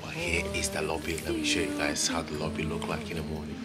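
A man's voice: extremely low pitch, completely flat delivery, quick pace. A man walking and filming a casual vlog, talking enthusiastically and repeating how beautiful everything is, holding the camera at arm's length. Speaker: travel vlogger. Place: outdoor city streets at night, also a hotel lobby. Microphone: handheld camera at arm's length. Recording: distant mic, loud street noise and music.

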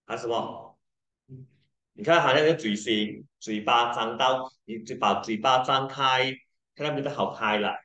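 Man, pronunciation tutor, slow patient delivery, drawn-out vowels, echoey room. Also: medium pitch, bright, forceful tone. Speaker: English pronunciation teacher. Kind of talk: tutoring lesson, mixing Mandarin and English.

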